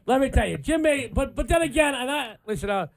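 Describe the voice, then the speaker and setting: A man's voice: very high-pitched, expressive, a little fast, vocal fry, slight background noise. A man hosting an AM sports talk radio show in a punchy announcer style with repeated catchphrases.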